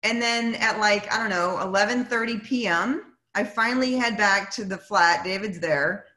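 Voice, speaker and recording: A woman's voice: mid-range voice, moderate pace, roomy sound, poor audio. A woman winemaker telling stories in a casual chat, acting out the voices of the people she quotes. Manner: animated, acts out quoted voices. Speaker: winemaker guest. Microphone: video call.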